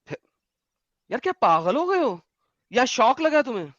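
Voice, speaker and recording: A man's voice: very high-pitched, big pitch swings, fairly bright tone, dry recording, muffled recording. A man hosting a livestream debate, impatient and sarcastic, dropping English phrases into his talk. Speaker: debate host.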